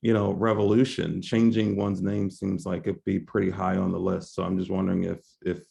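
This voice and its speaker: Gravelly low-voiced man with a searching, halting delivery. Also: level tone, mellow. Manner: searching, halting, many restarts. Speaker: panel moderator. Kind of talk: panel discussion on a video call.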